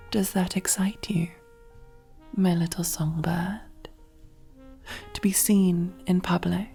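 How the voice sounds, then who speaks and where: In full character voice, a woman performs an ASMR roleplay as a female mafia boss, commanding, possessive and silkily affectionate. Her pitch is fairly low, and her breathy, husky delivery often turns to a whisper. She speaks slowly, with control, intimacy and a soft commanding edge.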